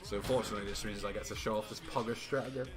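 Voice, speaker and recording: A man casually commenting on his own live speedrun, low-key and swearing freely. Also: steady tone, racing. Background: game music and sirens.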